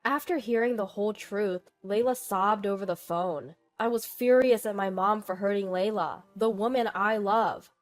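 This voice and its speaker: A woman's voice: medium pitch, moderate pace, few pauses, faint music behind. A woman reading a first-person family drama story in an earnest, dramatic manner. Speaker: narrator. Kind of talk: scripted first-person narration.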